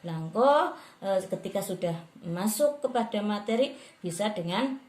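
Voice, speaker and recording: A woman's voice: mid-range voice, expressive, measured pace, a little mellow, roomy sound. A woman lecturer in rhetoric, giving a class on preparing sermons and modeling intonation aloud.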